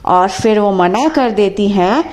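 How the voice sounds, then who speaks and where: A woman's voice: medium pitch, expressive, slow, mellow. A woman voicing a bold, fierce older mother-in-law who scolds and gives orders in a cartoon story. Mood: scolding. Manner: scolding and commanding.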